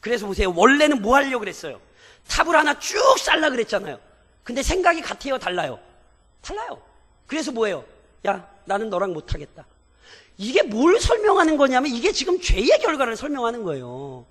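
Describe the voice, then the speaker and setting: High-voiced preacher in a reverberant church. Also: male voice, very animated, quick pace. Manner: asks the congregation frequent rhetorical questions; builds to emphatic shouts. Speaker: pastor. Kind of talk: sermon. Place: church sanctuary. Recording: church sermon with long reverb.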